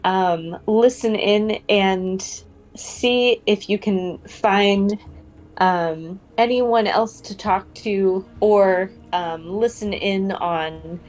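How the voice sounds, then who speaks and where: Woman playing a slow-spoken, earnest adventurer. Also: medium pitch, a little mellow, rough recording. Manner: halting, patient, admonishing. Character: earnest, principled, gently scolding adventurer companion.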